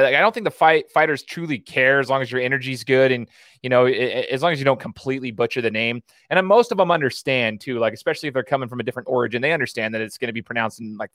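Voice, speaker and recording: Quick-talking guy hosting a podcast, excited and rambly, casual chat, really dry close sound. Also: medium pitch, no room sound. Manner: enthusiastic, rambling. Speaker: podcast host.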